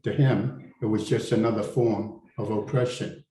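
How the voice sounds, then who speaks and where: A man reads his personal essay aloud, earnest and deliberate. His voice is low and warm, with a soft, dark tone. The room gives a clear echo. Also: steady tone. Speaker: writer reading his essay. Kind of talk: public reading of a personal essay. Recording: roomy venue with faint ambience.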